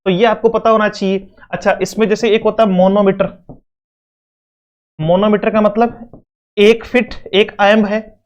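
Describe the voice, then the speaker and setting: A man's voice: sits high, little pitch movement, a little slow, long pauses, muffled recording. A man teaching an exam-prep literature lesson, mixing Hindi and English and repeating his points through rhetorical questions.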